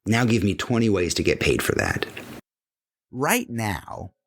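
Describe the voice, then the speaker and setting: This middle-aged podcast host speaks low and sing-song, unhurried, with vocal fry. His motivational monologue is emphatic, leaning on repeated phrases for weight and performing the voices of imaginary people.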